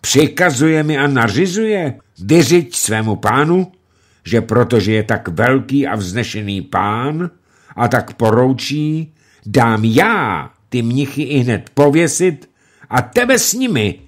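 A man's voice: medium pitch, expressive, voice pushed up, close to an everyday voice. A man voicing a furious, blustering nobleman lord who bellows threats. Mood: raging.

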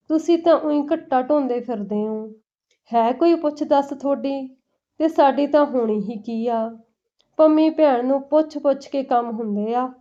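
A woman voicing a resentful, scheming young daughter-in-law who complains and needles. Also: high voice. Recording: dull lo-fi recording.

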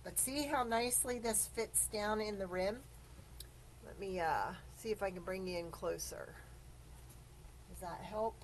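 A woman's voice: medium pitch, unhurried, pauses often, a little hiss or hum, rough recording. A woman hosting a live craft tutorial, explaining each step in a chatty way, greeting viewers and coughing now and then. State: coughing after choking. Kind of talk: live-streamed craft demonstration.

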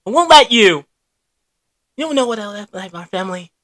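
A woman's voice: medium pitch, animated, brisk, fairly bright tone, no room sound, natural voice. A woman doing a nervous pleading young dinosaur.

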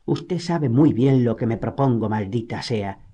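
A man's voice: mid-range voice, animated, a little slow, warm tone. A man voicing a fierce, proud young noblewoman in an audiobook, speaking indignantly with a raised voice. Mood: defiant. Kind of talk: audiobook character reading.

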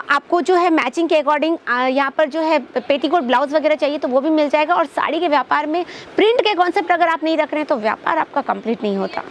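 A young woman presents a textile wholesale shop in an upbeat promotional vlog, talking straight to her viewers as friends. She is seated in an indoor shop. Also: slight background noise. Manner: upbeat sales pitch, addresses viewers as friends. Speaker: presenter of a wholesale saree showroom video. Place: indoor textile shop with stacked saree shelves.

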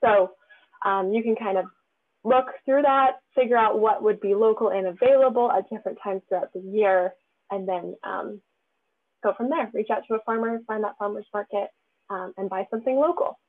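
A woman's voice: mid-range voice, normal speed. A woman presenting in a casual webinar over a video call, explaining in a friendly way with frequent fillers. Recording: tinny phone-like webinar audio.

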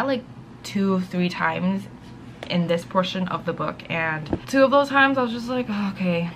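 A woman's voice: fairly low pitch, a little hiss or hum, poor audio. Chatty young woman book vlogger. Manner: chatty, exasperated, often whispers asides. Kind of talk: casual reading vlog chat.

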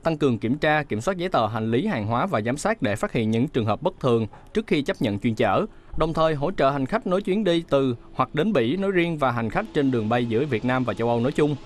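A man reading a scripted news voice-over in a steady, measured way. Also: mid-range voice, a little hiss or hum. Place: studio booth.

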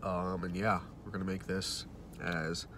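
A young film director with a cold and stuffy nose talks casually into a phone held at arm's length in a parked car, offhandedly joking about his film shoot. His voice is deep and flat, at a measured pace, with a noisy background.

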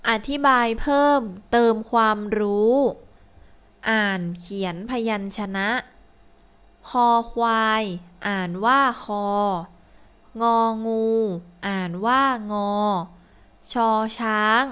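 Woman teacher, slow deliberate read-aloud for small children, very measured pace, clean smooth tone. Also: on the high side, a bit bright. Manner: slow, deliberate, word-by-word reading. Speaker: teacher reading a first-grade Thai textbook.

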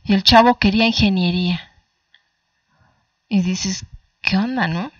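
A woman's voice: mid-range voice, measured pace, no room sound, lo-fi sound. A middle-aged woman psychologist with a Mexican Spanish accent, giving colloquial advice and asking her listeners rhetorical questions. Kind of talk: talk-show advice talk.

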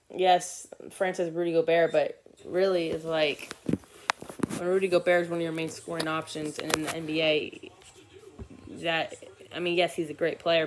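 Sitting indoors on the couch, a teen boy rambles through live basketball commentary, full of fillers and false starts, recorded from below on a phone or laptop camera. His pitch is fairly high, and there's slight background noise.

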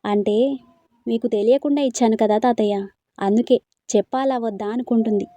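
A woman reading a storybook, voicing a stubborn, quick-tempered young woman with sharp, scolding retorts. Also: on the high side, fairly even intonation, no room sound, lightly acted. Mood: evasive.

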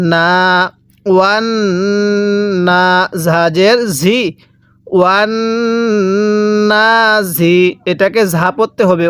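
A man teaching Quran reading to students, spelling out letters slowly and drawing out the vowels so they can repeat after him, with a Bangladeshi Bengali accent. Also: high voice, fairly bright tone, clean tone, dry recording. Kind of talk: recitation lesson with call-and-repeat.

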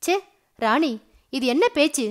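A shy young woman who blushes and scolds in turn, with a high voice that moves a lot, as a woman reads her part. It is audio novel reading close to the narrator's own voice. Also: expressive, measured pace. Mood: flustered.

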